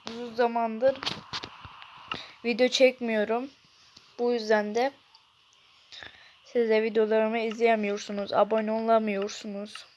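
Woman, casual gameplay chatter, slow delivery, exasperated outbursts, faint background noise. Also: on the high side, flat delivery, darkish tone. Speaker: gaming YouTuber. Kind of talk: casual game commentary.

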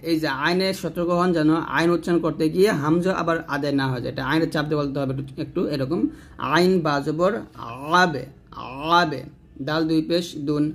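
A man with a slightly raised pitch teaches recitation in a patient classroom manner. He spells out letters and vowel marks one syllable at a time, stretching the sounds. He repeats his cautions about pronunciation again and again. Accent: Bangladeshi Bengali. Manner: slow, drawn-out syllable-by-syllable recitation with repeated warnings. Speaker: Quran reading teacher. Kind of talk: slow instructional spelling-out of letters.

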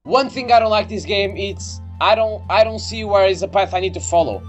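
A young man doing excitable, easily startled, sweary let's play commentary on a video game. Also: sits high, brisk. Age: young adult. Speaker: gaming video creator. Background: game music.

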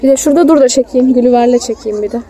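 Talking very fast in a high, mellow voice, a young mother chats with her child as she films on her phone at an outdoor children's theme park. She's behind the camera, and faint park ambience fills the recording.

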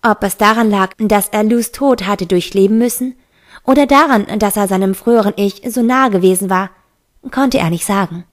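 A woman narrating a fantasy novel in an even, steady reading. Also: medium pitch, normal speed. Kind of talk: audiobook reading.

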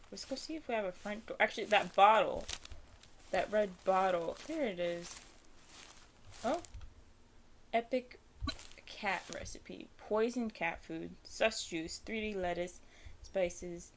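A young woman, a gaming streamer with a medium-pitched voice, chats through a casual let's-play. She sounds nervous and pokes fun at herself as she plays, with noisy sound in the background.

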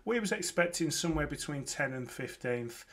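Sitting indoors at home among framed shirts, a thirtysomething Lancashire man with a Birmingham accent hosts a football podcast and gives a casual, excited match reaction. His voice is fairly high, expressive and a bit bright at a moderate pace, and he talks chattily with frequent fillers and restarts.

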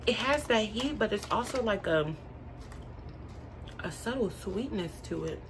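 A woman's voice: mid-range voice, animated, measured pace. A chatty woman vlogging a snack review, talking while chewing. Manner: chatty, laughs easily. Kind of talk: casual vlog chat. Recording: noisy home video recording.

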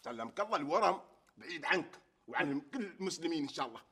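An actor playing a loud, touchy man who bickers and takes offence easily, in a TV comedy sketch. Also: a little high, expressive, racing, husky. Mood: explaining. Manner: indignant, bickering, laughing at others.

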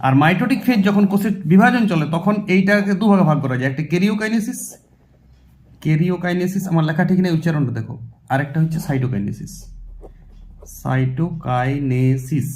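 A man with a West Bengal Bengali accent teaching a biology exam-prep lesson, asking questions and answering them himself and repeating terms as he writes them out. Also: on the high side. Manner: explains by asking and answering his own questions; repeats terms while writing on a board.

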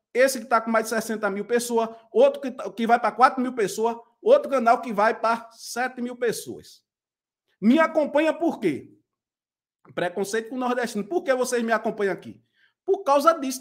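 A man's voice: extremely high pitch, a bit bright. A man with a Pernambuco accent who hosts a gospel channel, ranting on a livestream in an indignant, combative way. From Pernambuco, Brazil. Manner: indignant and combative, repeats insults. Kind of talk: heated livestream rant.

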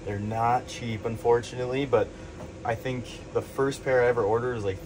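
A man's voice: mid-range voice, fairly quick, background noise. A young man, a plumber, talking casually about his tools while working in a crawl space, rambling with lots of fillers. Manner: relaxed, rambling, lots of "I mean" and "like". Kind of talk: casual on-the-job interview. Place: crawl space under a building.

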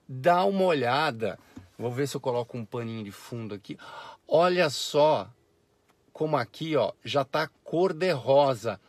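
A man's voice: a little high, no echo. A man in his forties, from Brazil, chatting and explaining as he films a demonstration from inside a parked car. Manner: chatty, explanatory, frequent tag questions. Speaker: vlogger. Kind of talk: casual car vlog demonstration. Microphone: camera on the dashboard.

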